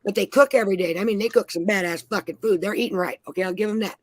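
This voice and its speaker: A woman's voice: mid-range voice, very fast, dry recording. Woman from Minnesota, casual panel chat, swears constantly, blunt, dry close sound. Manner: blunt and heavily profane. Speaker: panel guest.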